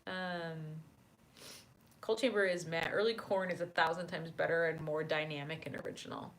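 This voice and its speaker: A woman with a lowish voice chats loosely with her live-stream viewers, reading their messages aloud and answering as she goes. She laughs easily and fills her pauses with ums and uhs, talking close into a desk microphone. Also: steady tone, slight background noise. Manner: chatty, laughs often, many fillers. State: hiccuping. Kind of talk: casual live-stream chat.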